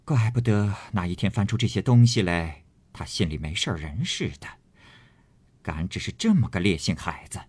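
Sharp noble lady of the house, a man doing her, brisk and a bit scornful, husky lowish voice. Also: expressive. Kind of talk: storytelling reading of a classic novel.

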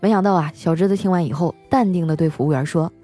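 A woman's voice: lowish voice, quick pace, dark tone, soft background music. A woman host telling comic family stories in a chatty, teasing way, laughing often. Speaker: radio-style host. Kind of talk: comic storytelling monologue.

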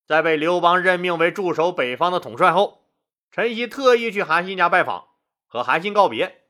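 A man telling history stories as host of an audio show, lively and colloquial with asides. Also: sits high, normal speed. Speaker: storyteller host. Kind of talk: history storytelling.

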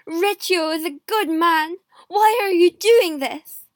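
A woman's voice: a little high, animated, a little slow, a bit bright, dry recording, studio quality. A woman voicing a proud, outspoken young queen in an audiobook story, emphatic and commanding. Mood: angry.

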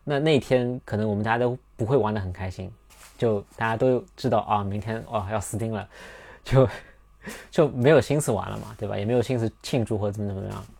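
A man's voice: lowish voice, brisk, vocal fry, darkish tone. A young man hosting a podcast, telling a personal story in a casual, rambling way with many restarts and fillers. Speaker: podcast host.

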